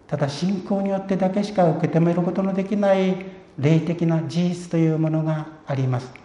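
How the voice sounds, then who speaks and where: A man preaching a sermon in an earnest, measured way. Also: a little high, steady tone, warm tone. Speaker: pastor. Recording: echoey room, dull lo-fi sound.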